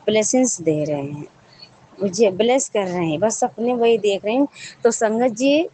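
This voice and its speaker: A woman's voice: fairly high pitch, mellow, slight background noise, poor audio. A woman sharing a devotional testimony with a congregation, telling her story in a rambling, repetitive way with frequent restarts.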